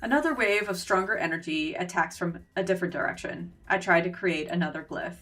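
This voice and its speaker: A woman streamer with a lowish, fairly bright voice reads a game's story aloud briskly, breaking into laughing, joking asides as she reacts. The mic is distant, and faint music sits behind her.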